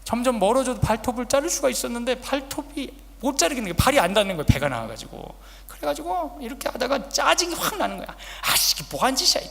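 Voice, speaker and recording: A male pastor preaching a sermon at a church service, swinging between loud urgent lines and hushed whispers and asking the congregation direct questions. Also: very high-pitched, very animated, fast talker, gravelly, hardly any pauses. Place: church sanctuary, Friday service. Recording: long church hall reverb.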